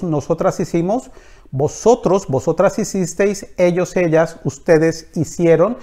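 A man teaching a language lesson, reciting verb conjugations in a slow, deliberate way. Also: high-pitched, a little mellow. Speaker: Spanish teacher.

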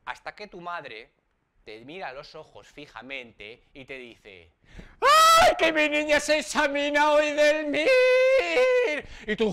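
A man with a Spain Spanish accent gives exam students a humorous, animated pep talk. His voice sits a bit high for a man. He talks casually and throws in the odd swear word for laughs. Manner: lively, acts out quotes, casual swearing. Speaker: exam prep tutor.

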